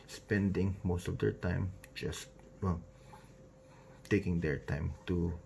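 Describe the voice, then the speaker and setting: Filipino man, 20s, deep, hesitant and rambling on-camera intro, faint background noise. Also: gravelly, mellow. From Philippines. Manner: rambling, hesitant, frequent fillers and self-corrections. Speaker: nurse vlogger. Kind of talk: casual self-introduction to camera.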